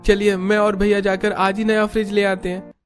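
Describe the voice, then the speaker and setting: A man's voice: fairly high pitch, steady tone, moderate pace, darkish tone, faint music behind, lightly acted. A man voicing an earnest young brother-in-law. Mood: indignant. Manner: earnest, indignant.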